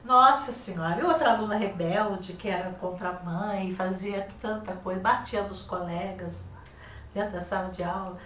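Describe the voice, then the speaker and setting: An older Brazilian teacher and author, appearing as a TV guest, spins casual, lively stories of her classroom and acts out what people said. Her mid-range voice runs at normal speed. Picked up from afar in the studio, it sounds roomy and off-mic, with a little hiss or hum.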